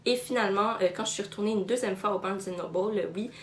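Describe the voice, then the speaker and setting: A woman's voice: mid-range voice, fast, slight background noise. Chatty Québécois woman in an echoey room. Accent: Québécois French. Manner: chatty, many fillers and self-corrections. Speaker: book vlogger. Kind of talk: casual book haul chat. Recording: roomy echo in a room.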